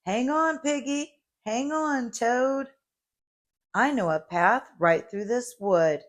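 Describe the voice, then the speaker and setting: A woman's voice: on the high side, takes it slowly, voice pushed up. A woman voicing a small, eager, helpful boy truck from a storybook, beeping and encouraging. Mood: reassuring.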